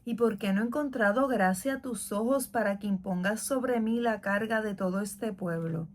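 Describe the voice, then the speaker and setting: Moses, a worn-out aged leader, pours out his complaint in a pleading, impassioned voice, read by a woman. The delivery is a middle-pitched reading rather than a full character voice. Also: normal speed, lightly acted.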